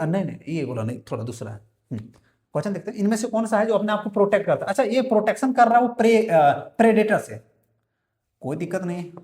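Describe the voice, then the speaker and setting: In an echoey room, a male biology teacher with a high-sitting, darkish voice solves multiple-choice exam questions aloud in a prep lecture. He quizzes the class by repeating each question and answering it himself, calling the students "बालक".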